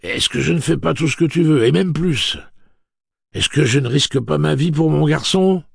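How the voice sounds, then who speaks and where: A man voicing a snarling, whiny male traitor in an audiobook, loud and raised in pitch. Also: animated, normal speed, vocal fry, husky, no echo, clean studio sound, full character voice. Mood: whining. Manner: snarling, then weary and dignified. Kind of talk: audiobook character voice.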